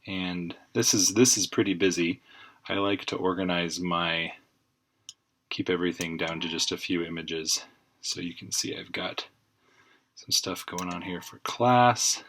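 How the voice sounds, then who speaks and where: Low-voiced man narrating a casual screencast. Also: measured pace, a little hiss or hum. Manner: relaxed, rambling, frequent fillers. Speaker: student making a class screencast. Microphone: computer webcam mic.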